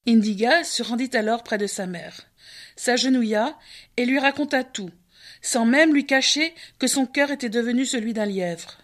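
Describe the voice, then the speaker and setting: A woman's voice: a little high, soft background music. Woman narrating a folk tale. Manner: measured, expressive. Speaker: storyteller.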